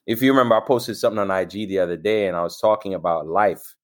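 A man co-hosting a podcast, chatting in an animated, excitable way that turns reflective. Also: deep voice, fast. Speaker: podcast co-host. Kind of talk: casual podcast chat.

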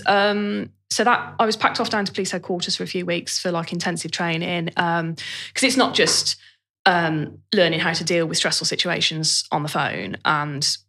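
A British business owner, interviewed as a guest, tells her own career story in a candid, colloquial and self-deprecating way. Her voice is low with a fairly bright tone.

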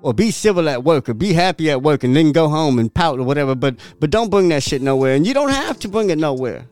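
A man's voice: fairly high pitch, fast, soft background music. A man hosting a podcast, giving a profane, emphatic motivational talk that repeats its points and breaks into laughter. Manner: profane, emphatic, repetitive preaching; animated, laughs often. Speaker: podcast host.

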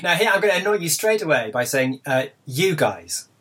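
An English man hosts a casual cycling podcast roundtable, teasing and chatty, in a very animated, brisk voice that's on the high side, a bit bright, and breathy. Because his computer call input is misconfigured, he sounds thin and tinny.

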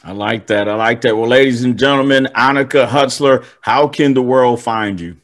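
A man's voice: mid-range voice, moderate pace, fairly bright tone. A man hosting a casual interview podcast, often repeating words and restarting his sentences. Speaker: podcast host.

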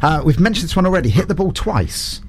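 A man hosting a radio interview, chatty and moving things along with quick questions. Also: a little high, big pitch swings, a little hiss or hum. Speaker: radio presenter. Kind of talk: conversational interview.

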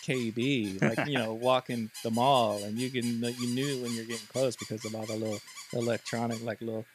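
A man co-hosting a podcast in casual, reminiscing chat, halting and repeating his words. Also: medium pitch, fairly even intonation, background noise. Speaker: podcast co-host.

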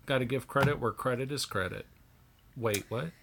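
A man's voice: mid-range voice, moderate pace, noisy background. A man co-hosting a podcast in casual banter, with a joking, playfully obtuse manner. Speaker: podcast co-host.

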